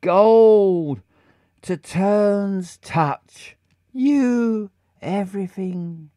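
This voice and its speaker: A man on a game stream reading aloud a woman's lines, which come out in backwards word order, slowly and haltingly. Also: high-pitched, dark tone, no echo, studio quality. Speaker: streamer voicing game characters.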